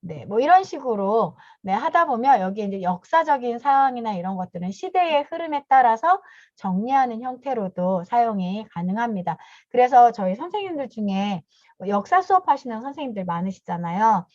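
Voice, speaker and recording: A woman's voice: fairly high pitch, lively intonation, moderate pace, a little mellow, no room sound. A woman in her fifties gives a step-by-step online training talk to teachers over a video call, politely punctuating her phrases with a short affirming "yes". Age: 50s. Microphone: video call mic. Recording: dull, dry video call audio.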